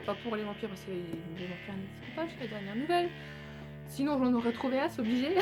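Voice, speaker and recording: Chatty young woman vlogger, upbeat. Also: on the high side. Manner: enthusiastic, rambling with many fillers. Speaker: YouTuber. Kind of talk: casual favorites vlog.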